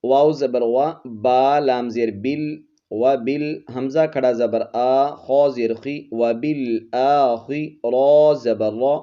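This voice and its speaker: A man's voice: mid-range voice, steady tone, slow pace, hardly any pauses, mellow. A man teaching Quran recitation, patiently spelling out each letter and vowel before blending the word. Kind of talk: slow letter-by-letter recitation lesson. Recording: slightly dull lo-fi audio.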